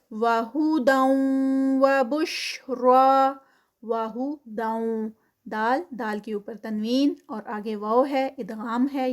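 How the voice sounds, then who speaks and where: A woman teaching Quran tajweed, reciting slowly and drawing out the words, then explaining the rules quickly. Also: on the high side, darkish tone. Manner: slow drawn-out recitation between quick explanations. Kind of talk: tajweed lesson.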